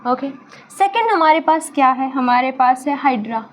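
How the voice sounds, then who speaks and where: Young woman teaching bio, high voice, chatty, quizzes herself, faint hum behind. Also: animated, moderate pace, rough recording. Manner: chatty, mixes Hindi and English, asks and answers her own questions; self-mocking about her drawing. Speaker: biology teacher. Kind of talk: casual online lesson.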